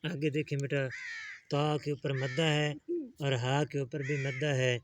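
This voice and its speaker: A man teaching a child to read the Quran in a one-on-one lesson. He is patient and coaxing, and drags out each letter name slowly when he models it. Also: medium pitch, little pitch movement, noisy background. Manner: patient, coaxing, calls the student "beta".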